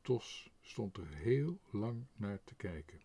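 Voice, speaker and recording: Husky, expressive male storyteller. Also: on the low side, takes it slowly. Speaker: audiobook narrator. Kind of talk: children's storybook reading.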